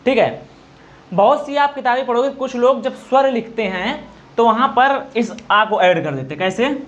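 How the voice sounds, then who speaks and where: A teacher giving a Hindi grammar lesson for exam preparation, explaining slowly and answering his own questions. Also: mid-range voice, animated, lo-fi sound.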